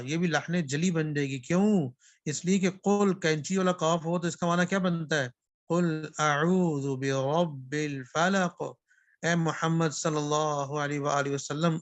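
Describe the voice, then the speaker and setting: In a classroom lesson, a man with a fairly high voice teaches Quran recitation, posing questions and answering them himself. He repeats key phrases and slows down to recite verses, and the recording is dry.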